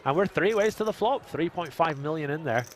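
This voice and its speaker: A man's voice: a little high, lively intonation, a little fast. A man commentating a live poker stream, joking and reading viewer chat aloud.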